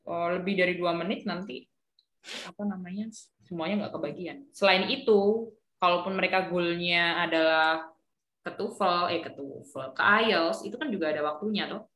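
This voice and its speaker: A woman's voice: lowish voice, normal speed, a bit bright. A woman teacher trainer giving a casual briefing, explaining with worked examples and many fillers.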